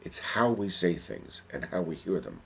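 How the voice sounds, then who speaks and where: A man telling a joke story in an unhurried, animated way. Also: low-pitched, gravelly, lo-fi sound, a little hiss or hum.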